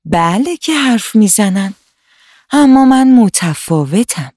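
A woman voicing a wise old magic tree with a sweet, calm voice, speaking slowly and kindly in a storybook reading. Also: medium pitch, no echo, clean studio sound, pitched above the performer's own voice. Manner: slow, soothing, kindly.

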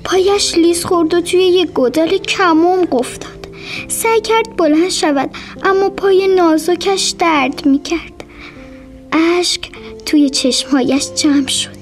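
A woman narrating a children's bedtime story gently and softly, sometimes slipping into a whisper. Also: very high voice. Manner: gentle, soft, often drops to a whisper. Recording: faint music behind.

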